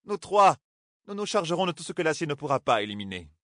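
A man reading an audiobook, voicing a calm, authoritative sorceress woman who gives clipped orders. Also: a little high, fast, no echo, studio quality, pitched above the performer's own voice. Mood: commanding.

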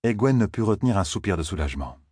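A man reads a fantasy audiobook with measured, even delivery. His voice is very low and husky, recorded close and dry. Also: dry recording. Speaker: narrator. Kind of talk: audiobook narration.

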